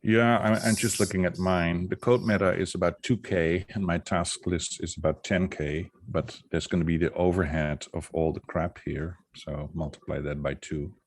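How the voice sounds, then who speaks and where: A man with a very deep voice answers questions in a video meeting. He talks casually and frankly, working through his ideas out loud. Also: steady tone, normal speed, few pauses, slight background noise. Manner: thinking aloud, casual, frank. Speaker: presenter.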